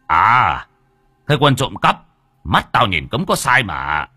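A gruff, soft-hearted middle-aged son, played by a man talks brusquely and scolds with a lively rise and fall. His voice sits low and dry, in an audiobook reading. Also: no room sound, faint music behind. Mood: angry. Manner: brusque, scolding, quick to bluster.

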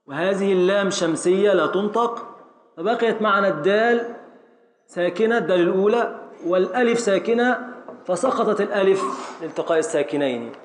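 Egyptian man teaching in an echoey classroom. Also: sits high. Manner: explains slowly, repeating syllables and calling on students. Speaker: teacher of Arabic grammar and prosody. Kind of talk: classroom lesson. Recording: echoey classroom with faint noise.

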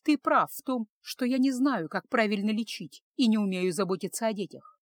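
A woman's voice: medium pitch, moderate pace, dry recording, close to an everyday voice. A woman voicing a hurt young woman, tearful and shaky, swinging between whispers and cries, in a storybook reading.

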